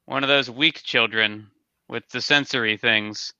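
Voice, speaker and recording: A man's voice: mid-range voice, fairly even intonation, a little slow, sharp tone, smooth, no echo, dull audio. A man co-hosting an online talk show, chatting casually as a store owner, rambling and repeating his words. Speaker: podcast co-host, toy brick store owner. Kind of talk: casual chat.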